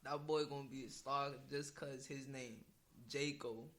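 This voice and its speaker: A man's voice: mid-range voice, steady tone, unhurried, a bit bright. A twenty-year-old man chatting on a podcast in casual street slang.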